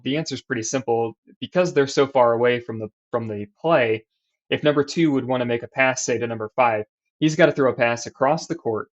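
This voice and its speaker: A man, a basketball coach, explaining defense in a voice-over over diagrams and game clips, with restarts as he points things out. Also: medium pitch. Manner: explanatory, restarts and fillers while drawing on screen. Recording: slightly dull lo-fi sound.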